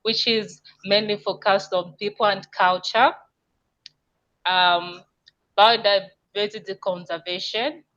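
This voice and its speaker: A woman's voice: medium pitch, steady tone, slow, a bit bright. A woman from Zambia, an agriculturalist, explaining her work earnestly as a guest on an online panel. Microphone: video call. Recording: dull lo-fi video call audio.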